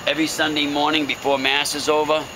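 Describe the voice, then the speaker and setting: A man's voice: on the high side, flat delivery, quick pace, background noise. A man working as a ghost tour guide, telling a story casually and dramatically with wry, folksy humour and suspenseful phrasing. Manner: folksy, wry, joking delivery.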